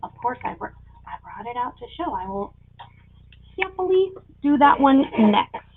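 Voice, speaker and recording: A woman's voice: on the high side, big pitch swings, normal speed, gravelly, a little hiss or hum. A woman working as an auctioneer on a live online sale, presenting items and calling bids. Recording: tinny phone-like sound.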